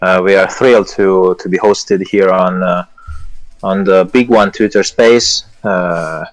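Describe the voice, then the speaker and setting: Faint music sits behind this low-quality recording of a man with a deep, steady voice and measured pace. An Italian-speaking project lead appearing as a live audio chat guest, he hesitates often, restarts and fills gaps, while staying earnest and poking fun at himself with light laughs.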